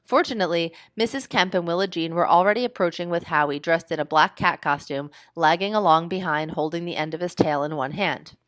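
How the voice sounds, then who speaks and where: A woman teacher reading a children's book aloud with expressive storytelling. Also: on the low side, a little fast, hardly any pauses.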